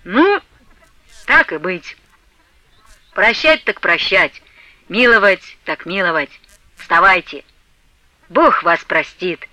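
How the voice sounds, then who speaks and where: A woman reading a stern but kind old peasant father who shouts and scolds, in an audiobook. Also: high voice, animated, takes it slowly, pauses often, no room sound, full character voice. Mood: softened.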